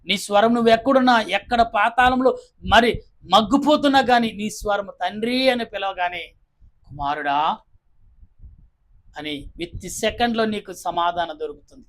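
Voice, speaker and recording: A man's voice: high voice, normal speed. A man preaching a sermon, asking his listeners question after question. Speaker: pastor.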